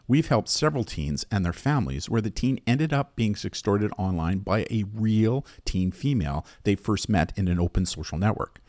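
Scripted educational content comes from a podcast host with a low voice. He speaks in a measured, explanatory manner, his intonation very lively, and the sound is close and dry, with no room ambience.

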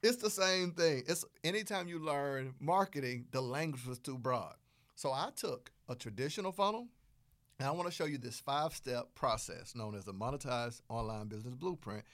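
Lively Southern man hosting a podcast. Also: medium pitch, normal speed, dry recording. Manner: animated and playful, acts out little dialogues. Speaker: podcast host. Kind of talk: energetic solo podcast teaching.

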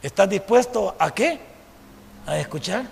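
A male pastor preaching a sermon, swinging between loud declarations and quiet asides and putting rhetorical questions to the congregation. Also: high-pitched, lively intonation, unhurried, gravelly, slightly rough. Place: church sanctuary. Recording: long reverb of a church hall.

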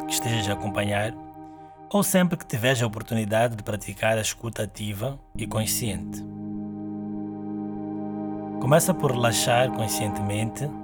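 A man with a mid-pitched voice speaks as a host guiding meditation. His delivery is soothing and unhurried, giving gentle instructions, with clear music playing behind him. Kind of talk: slow guided meditation.

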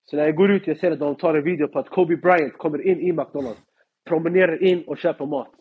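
Slangy, animated young Swedish man. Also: fairly high pitch, breathy edge, narrow, tinny audio. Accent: Swedish suburban street slang. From Sweden. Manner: animated, slangy, mimics people in English. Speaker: guest storyteller. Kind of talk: casual chat, anecdote telling.

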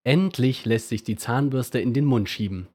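A man reading a children's bedtime story aloud, slow and expressive. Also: mid-range voice.

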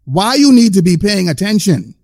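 A man hosting a podcast in a casual, playful chat, stretching out words for emphasis. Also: sits high. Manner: animated, playful, drawn-out emphasis. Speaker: podcast host.

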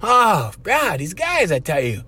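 A man with a Hawaiian Pidgin accent talks like an informal life coach. His voice sits a bit high and swings up and down a lot. He keeps checking in with the listener as he makes his points. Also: wildly swooping pitch, a little slow, pushed and bright, slightly rough. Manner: conversational, often checking in with "right?" and "okay?". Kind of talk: informal motivational talk to viewers.

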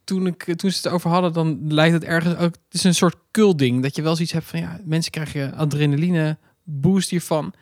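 A man's voice: fairly high pitch, steady tone, fairly quick, hardly any pauses, dry recording, studio quality. A young man chatting casually as a podcast co-host, rambling with lots of restarts. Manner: rambling, restarts often, blunt. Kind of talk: casual chat.

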